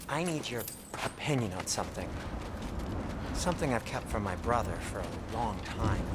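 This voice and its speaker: An actor playing an anxious, squeamish dwarf blacksmith in a video game, fretful, hesitant and expressive. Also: male voice, lowish voice, very noisy. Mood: hesitant, uneasy. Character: fussy, anxious male dwarf blacksmith, squeamish and guilt-ridden. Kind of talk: video game dramatic acting.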